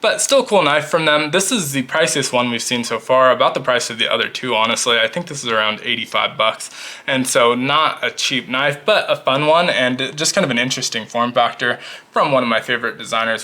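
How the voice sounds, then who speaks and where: A talkative man gives a casual product review of his pocket knives. His voice is bright and a bit forceful. He keeps wandering into chatty asides as he shows each piece at a table. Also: medium pitch. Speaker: knife collection reviewer.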